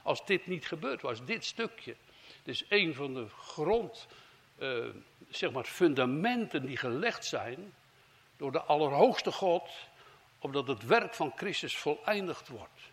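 A man delivers a fervent sermon, his voice sitting fairly high for a man. He pushes key phrases out loudly and then drops to low, hushed lines. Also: very animated, takes it slowly. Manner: fervent preaching, swings from loud emphasis to low hushed phrases. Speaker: preacher.

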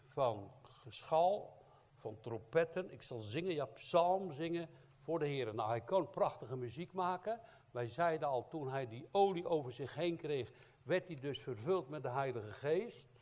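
A man's voice: mid-range voice, darkish tone. A man, an evangelist, giving an informal sermon, often adding tag questions and filler sounds as he talks to the congregation. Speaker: evangelist preacher.

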